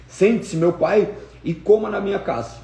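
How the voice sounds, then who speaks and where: A man's voice: sits high, moderate pace, vocal fry, dark tone, pitched above the performer's own voice. Esau, a pleading grown son voiced by a man. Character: older male son, pleading, desperate, anguished. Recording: echoey room.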